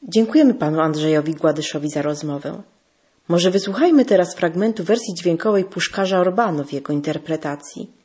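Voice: mid-range voice, lively intonation, a little fast, darkish tone, husky. A host presenting and interviewing in a formal, polite manner. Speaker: radio host. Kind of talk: scripted radio presentation.

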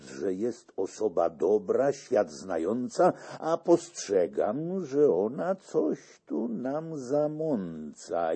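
A man's voice: lowish voice, mellow, breathy edge, pitched above the performer's own voice, exaggerated voice. A man voicing a scheming older monk who scolds and pleads earnestly in a classic storybook reading.

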